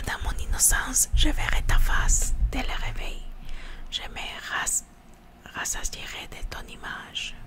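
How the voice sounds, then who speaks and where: Casting: female ASMR reader, hushed library whisper, unhurried and slightly halting scripture reading. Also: a little high. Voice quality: hushed library-style whisper, mostly unvoiced. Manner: slow, halting reading with repeated words.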